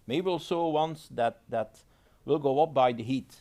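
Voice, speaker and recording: A man with an other than giving a technical presentation at a conference. He pauses, repeats words and phrases things in his own way. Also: mid-range voice, dark tone. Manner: halting, repeats words, non-native phrasing. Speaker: conference speaker.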